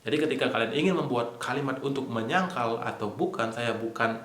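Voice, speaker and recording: A man's voice: mid-range voice, fairly bright tone. Man, language teacher, casual lesson, repeats points patiently, echoey room. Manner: repetitive, explains slowly step by step.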